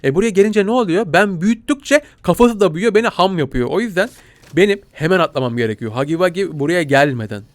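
A young man narrates his gameplay in an excitable, panicky rush, often crying out in mock fear. His voice sits a little high, and the sound is dry and close to the mic. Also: quick pace, dry recording. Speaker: gaming YouTuber.

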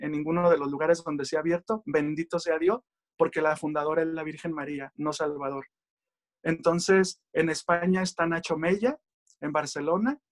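A man tells his religious testimony in an earnest, heartfelt way. His voice sits high for a man. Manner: earnest, addresses listeners as brothers. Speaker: speaker giving testimony.

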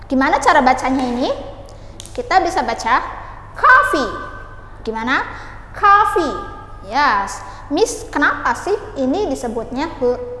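High-voiced woman teacher, slow and echoey. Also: fairly bright tone, slight background noise. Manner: patient, asks and answers her own questions, models pronunciation slowly. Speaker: English teacher. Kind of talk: beginner language lesson. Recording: echoey room with long reverb, faint ambience.

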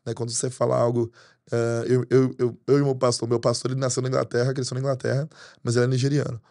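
Brazilian pastor guy, 30s, talks super fast, flat and mellow, dry studio mic. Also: medium pitch, no echo. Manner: fast storytelling, animated hand gestures. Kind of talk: podcast interview. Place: studio with green curtains. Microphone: desk mic on arm.

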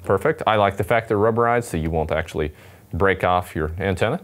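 With background music behind him, a young man in his twenties demonstrates a radio company's products to camera at a studio table in a casual, upbeat way. His voice is low and brisk, with a touch of hiss or hum.

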